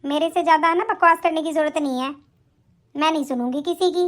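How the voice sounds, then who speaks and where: A stubborn, spoiled young married daughter, voiced by a woman in an animated story. Her voice sits very high, and she argues back with scorn and defiance. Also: fast talker. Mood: defiant.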